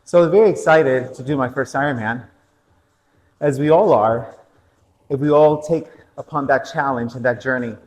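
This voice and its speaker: A man's voice: mid-range voice, moderate pace, a little mellow, long reverb tail, poor audio. A man coaching an indoor cycling class, telling a personal race story between motivational interval cues and countdowns.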